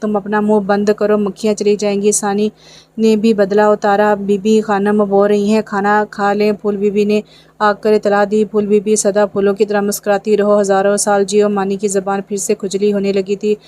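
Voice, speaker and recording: Female narrator for a romance novel. Very flat and even delivery, mellow tone, same voice for every character. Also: mid-range voice, normal speed.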